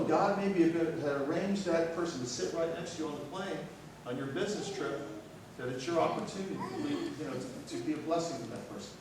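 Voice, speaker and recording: A man's voice: on the high side, background noise. An older man preaching a sermon as a pastor, telling stories in a folksy way with light humor. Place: church sanctuary. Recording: very echoey hall recorded from far off.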